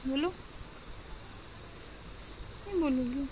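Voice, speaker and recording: A woman's voice: sits high, extremely slow. A mother coaxing her baby in sing-song baby talk, repeating her phrases, on a noisy home recording.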